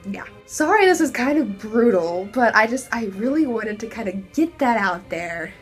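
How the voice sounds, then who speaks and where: A young woman with a Texan accent, hoarse and losing her voice, giving an animated, exasperated book review with laughing asides. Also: on the high side, normal speed, soft background music. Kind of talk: casual video review rant.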